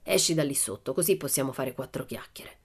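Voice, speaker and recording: A woman doing a hushed rough burglar. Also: low-pitched, lively intonation, exaggerated voice. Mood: hushed menace. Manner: hushed, slow, wheedling threats. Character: rough dark-haired male burglar.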